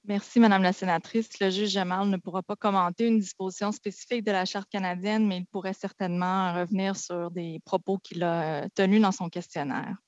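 A woman moderating a formal hearing over a video call, brisk and procedural. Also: medium pitch, steady tone, darkish tone, no echo. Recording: dull lo-fi video call audio, distant.

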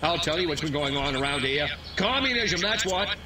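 Alien posing as a human mayor, man, stilted and formal, a bit high, distant, loud game noise behind. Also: lively intonation, moderate pace, close to an everyday voice. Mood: bluster. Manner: stilted, formal speech-making.

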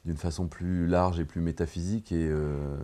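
A man's voice: deep voice, level tone, moderate pace, warm tone. A middle-aged man, a film director, talking reflectively in a TV studio interview, full of hesitations and restarts. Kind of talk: relaxed interview conversation. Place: TV studio set with armchairs. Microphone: lapel mic.

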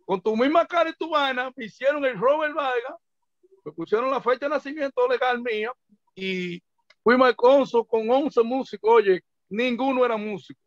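Dominican guy, middle aged, kinda high voice, chats and acts out quotes, lo-fi muffled dry audio. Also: normal speed, no echo. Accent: Dominican Spanish. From Dominican Republic. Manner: animated anecdotes, acting out quoted voices, chuckling. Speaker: interview guest, merengue and bachata singer. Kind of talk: casual storytelling interview. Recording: dull lo-fi dry sound.

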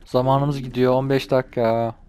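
A man's voice: mid-range voice, flat delivery, normal speed, dark tone, slight background noise. A young man casually commenting on a game he plays, grumbling and translating the lines aloud. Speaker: gaming channel host. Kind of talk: casual let's-play commentary.

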